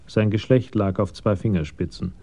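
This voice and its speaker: A man narrating a radio crime drama in a measured, matter-of-fact way, on a slightly dull 1980s broadcast recording. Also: lowish voice, creaky, warm tone.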